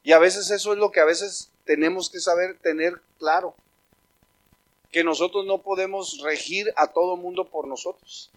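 A man preaching a sermon as a pastor, talking conversationally and rising loudly when he quotes God calling out names. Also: high-pitched, steady tone, normal speed.

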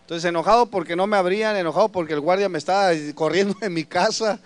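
Male pastor, animated storyteller, high and resonant, preaching to the brethren. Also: quick pace, smooth, no echo. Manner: animated storyteller addressing the congregation as brothers. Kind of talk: sermon.

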